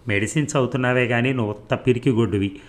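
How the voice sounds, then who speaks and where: A man's voice: medium pitch, fairly even intonation, fast, lightly acted. A man reading a confident young lover. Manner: insistent, self-assured.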